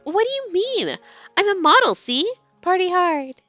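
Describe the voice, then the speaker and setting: A woman acts out a boy-crazy teenage girl from a game, very high and swooping. She is bubbly, dramatic and pushy, gushing insistently in a bright voice. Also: very animated, a little slow, no room sound, highs cut off, soft background music, full character voice. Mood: eager, showing off. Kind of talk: expressive character reading of game text.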